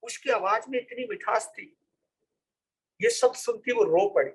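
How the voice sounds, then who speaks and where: A man's voice: sits high, unhurried, slightly rough, poor audio. A man, a monk, telling a story in a sermon and repeating phrases for emphasis. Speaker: Jain monk.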